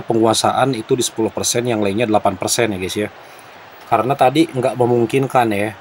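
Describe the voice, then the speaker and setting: A man with an Indonesian accent doing casual game commentary for viewers, halting and clearing his throat as he smokes while talking. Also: lowish voice, darkish tone, slight background noise. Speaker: gaming content creator.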